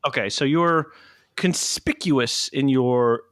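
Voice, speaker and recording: A man hosting a podcast in casual chat, teasing and quick to laugh. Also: mid-range voice, a bit bright, no room sound. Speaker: podcast host.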